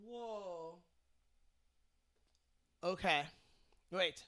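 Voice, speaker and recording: A man's voice: high-pitched, very slow, bright, forceful tone. A young man co-hosting a podcast in casual banter, joking and laughing often. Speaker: podcast co-host.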